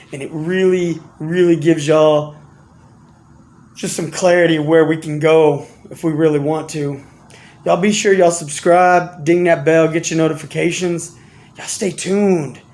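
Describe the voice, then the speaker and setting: A man with a high-pitched voice delivers a casual motivational monologue straight to his audience. His speech is slangy, repetitive and full of restarts. He shifts between lively, animated bursts and low, quiet asides. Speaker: vlogger giving life and business advice.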